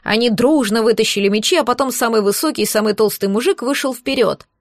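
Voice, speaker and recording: A woman narrating a fantasy audiobook, voicing the characters by shifting her pitch and pace. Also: fast talker, no room sound, clean studio sound.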